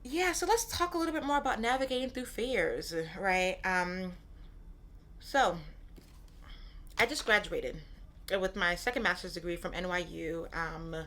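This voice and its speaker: A woman in her thirties with a mid-range, slightly bright voice speaks at a measured pace. She hosts her own casual podcast solo, candid and prone to repeating phrases and adding "right?", and was born in Nigeria before being raised in Brooklyn, New York.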